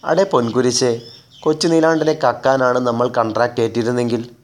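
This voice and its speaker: A sly, bold elephant thief, read by a man in a storybook tale, speaking in a coaxing, conspiratorial way at a steady middle pitch. His tone stays scheming, even when the plan goes wrong. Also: normal speed, close to an everyday voice.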